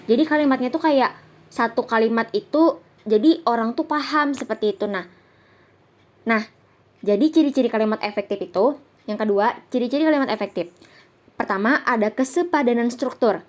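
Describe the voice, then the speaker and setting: A young woman from Indonesia talks through a grammar lesson in a casual classroom manner. She reads out example sentences, repeats them, and links her points with easy fillers. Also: medium pitch. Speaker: student presenter.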